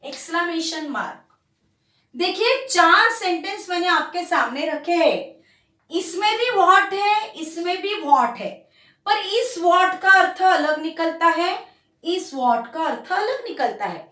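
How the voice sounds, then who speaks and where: A woman teaching a grammar lesson to children, speaking slowly and deliberately as she reads example sentences aloud. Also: very high-pitched, lively intonation, pushed and bright, recorded from a distance. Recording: roomy echo, away from the mic.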